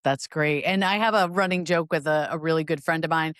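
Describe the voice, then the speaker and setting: A relaxed woman host from New Jersey with a lowish voice, asking friendly questions in casual chat. The sound is close and dry. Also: a little fast, clear, resonant tone, no echo. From New Jersey, Sussex County. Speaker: podcast host.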